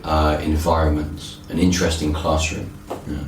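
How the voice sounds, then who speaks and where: Low-voiced southwest English man, th as f. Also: monotone, normal speed. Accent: southwest English, Cornwall. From Cornwall, southwest England. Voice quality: pronounces th as f. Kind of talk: casual chat. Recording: roomy echo, distant mic, faint noise.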